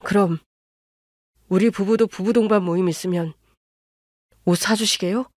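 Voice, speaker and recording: A woman's voice: medium pitch, fairly even intonation, moderate pace, darkish tone, dry recording, clean studio sound, natural voice. A woman voicing a younger son and husband who confronts his mother in wounded anger, in a storybook radio drama. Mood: angry hurt. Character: older male husband, younger son, hurt and angry.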